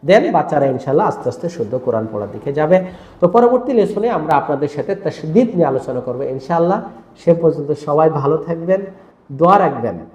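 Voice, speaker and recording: Male Quran teacher, high pitch, roomy echo, patient drill-and-quiz delivery. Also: expressive, quick pace, darkish tone. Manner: drills pronunciation, quizzing with questions. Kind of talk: teaching lesson to other teachers.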